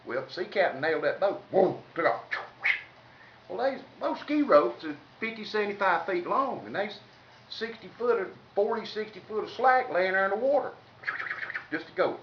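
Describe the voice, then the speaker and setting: Here a comedic storyteller with a Southern US accent spins funny yarns in a high-pitched, expressive voice at a moderate pace, his talk folksy, salty, and colloquial. It's informal humorous storytelling, captured on a distant mic in a roomy space that sounds dull, with faint noise.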